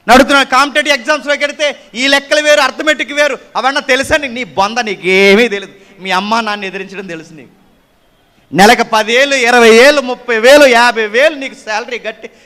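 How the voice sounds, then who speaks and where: Very high-voiced scolding male preacher. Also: bright, forceful tone. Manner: scolding, emphatic. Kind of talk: sermon.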